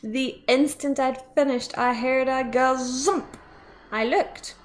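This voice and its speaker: A woman reads a rhyming picture book aloud, slowly and expressively. Her voice sits a little high, and she stops now and then for warm asides about the pictures. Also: steady tone, slight background noise. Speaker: teacher reading aloud.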